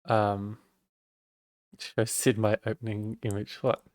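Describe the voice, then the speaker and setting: A man's voice: fairly low pitch, little pitch movement, slow, a little mellow, dry recording, clean studio sound. A man with an Australian accent, a streamer chatting casually and rambling as he walks through his setup while working on it. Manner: rambling, self-deprecating, talks while working. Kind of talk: casual live-stream tech walkthrough.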